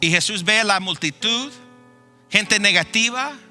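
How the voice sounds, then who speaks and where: A male pastor preaching a sermon, telling the story dramatically and swinging between loud passion and hushed tones. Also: high voice, unhurried, faint music behind.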